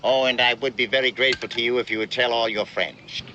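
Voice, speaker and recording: In a 1960s TV western, an actor plays a grandiloquent traveling showman and huckster, spouting pompous, wordy riverboat gambler patter with grand courtesy. His mid-range, natural voice is steady in tone and fast. The audio is dull, from a noisy old TV western soundtrack.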